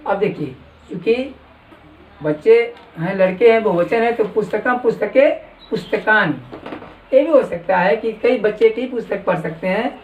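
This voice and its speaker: A man teaching a classroom lesson, slowly dictating words for students to copy. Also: high voice, expressive, phone-quality sound, a little hiss or hum. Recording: echoey room from far off.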